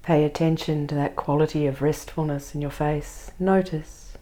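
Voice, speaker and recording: Woman, meditation guide, low pitch, dark relaxed tone, soft soothing delivery, short spaced phrases. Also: moderate pace. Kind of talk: guided meditation and body scan.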